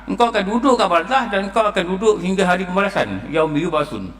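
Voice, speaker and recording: Malaysian Malay preacher in a reverberant mosque. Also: male voice, high voice, lively intonation, fast talker, fairly bright tone. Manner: storytelling, quotes Quranic verses in a chanting tone. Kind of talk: mosque dawn lecture. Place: mosque hall. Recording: long reverb of a mosque hall.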